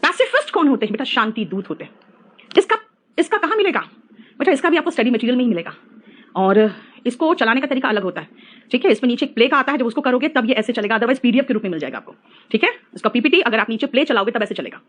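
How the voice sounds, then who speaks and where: Woman, middle-aged, high voice, lively and teasing, online class lecture. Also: quick pace. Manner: lively, teasing, mixes English phrases into talk. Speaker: English teacher.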